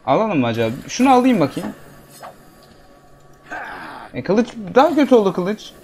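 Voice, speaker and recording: A man chatting his way through a video game with a fairly high, lively voice that rises and falls a lot. He jokes and talks back to the characters on screen. A faint hiss of noise sits under the recording. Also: moderate pace. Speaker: gameplay commentator. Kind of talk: casual let's-play commentary.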